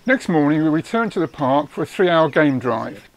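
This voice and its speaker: Guy doing nature documentary voiceover, slightly high voice, measured and descriptive. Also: very animated. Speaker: narrator of own wildlife travel film. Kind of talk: nature documentary narration, scripted.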